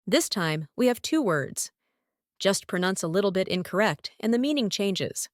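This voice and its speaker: A woman's voice: mid-range voice, lively intonation, moderate pace, dry recording, studio quality. A woman with a Lithuanian accent teaching English pronunciation, saying each example word several times. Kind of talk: pronunciation lesson, repeating example words.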